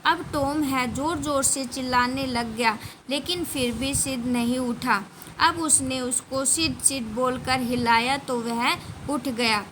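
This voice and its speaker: A woman teacher slowly retelling a story in simple Hindi. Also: high voice, fairly even intonation, fairly bright tone, slight background noise, rough recording. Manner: slow, careful storytelling.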